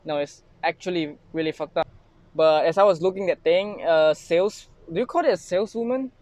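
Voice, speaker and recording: Young man, Malaysian English accent, casual haul vlog in a parked car, phone held close, clear slightly high voice. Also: brisk, a little mellow, no echo. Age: young adult. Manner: rambling, self-mocking, lots of fillers and restarts. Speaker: vlogger. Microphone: phone camera held close.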